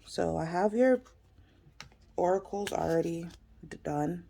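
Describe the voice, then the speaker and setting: A woman who has just woken up, giving a casual, laid-back tarot reading in a raspy voice that drifts toward a whisper. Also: on the low side, warm tone. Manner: laid-back, unhurried, pausing often. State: just woke up. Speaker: tarot reader hosting a pick-a-card reading.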